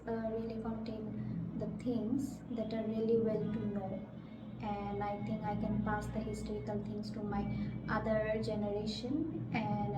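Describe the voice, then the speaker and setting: A young woman from Bangladesh answering questions in a mock speaking exam, hesitant and searching for words with frequent fillers. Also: medium pitch. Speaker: test candidate. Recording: echoey room, far from the mic, loud background noise.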